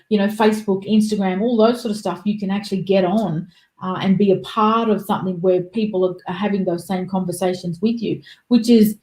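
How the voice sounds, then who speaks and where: A woman's voice: medium pitch, mellow, reverberant, low-quality recording. A woman, chatting casually as a podcast guest and acting out quoted voices.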